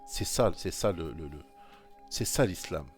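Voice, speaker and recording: A religious commentator speaks informally about scripture in a low voice with lively intonation, going a little slowly as faint music sits behind him. Addressing the listener directly, he urges his points again and again.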